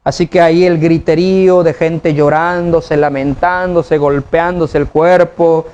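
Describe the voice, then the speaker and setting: A man's voice: a little high, steady tone, measured pace, a little mellow, clean tone, muffled recording. A man preaching a sermon to his congregation, in a conversational style full of rhetorical questions. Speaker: pastor. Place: church.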